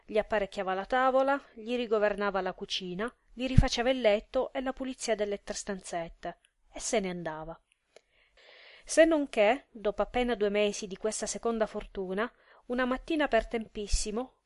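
A woman narrating a literary story in a measured, expressive storytelling manner. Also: medium pitch, no echo, clean studio sound. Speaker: audiobook narrator.

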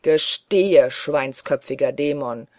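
Reader doing a furious fanatical bishop, shouting, bellowing, dry close recording, audiobook. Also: medium pitch, slow, no room sound, lightly acted. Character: raging, fanatical male bishop. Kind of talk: audiobook character voice.

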